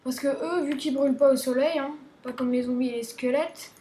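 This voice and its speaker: Woman host, high voice, playful game tutorial chatter, roomy echo and faint hiss. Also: fairly even intonation, brisk, mellow. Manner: chatty and playful, many restarts, talks to viewers. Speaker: gaming video host. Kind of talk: casual game tutorial commentary.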